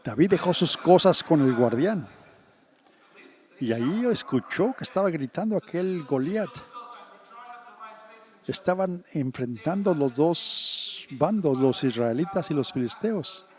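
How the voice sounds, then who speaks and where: A man preaching a sermon, telling a scripture story in an animated way and acting out the quotes. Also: a little high, a little slow.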